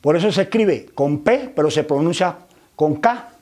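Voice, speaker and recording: A man's voice: fairly high pitch, lively intonation, normal speed, a little mellow. A man teaches religious vocabulary as a lecture, often adding tag questions and repeating words while searching for the next. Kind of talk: explanatory lecture.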